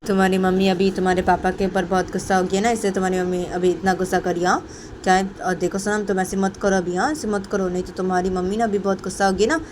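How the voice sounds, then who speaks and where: A woman doing a soft coaxing grandmother. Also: medium pitch, level tone, fast, a little hiss or hum, close to an everyday voice. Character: calm coaxing grandmother soothing a child.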